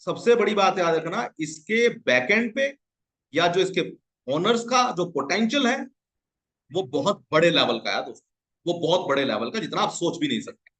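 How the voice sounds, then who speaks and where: High-voiced, hyped male sales pitcher. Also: a bit bright. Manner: hyped, salesy, repeatedly addressing friends. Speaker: online business promoter. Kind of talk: screen-share promotional pitch.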